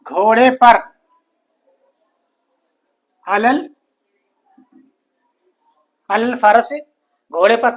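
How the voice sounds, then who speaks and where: Speaking in a very high pitch, this Arabic teacher works slowly through a grammar lesson, saying every phrase twice and supplying answers to the questions he asks.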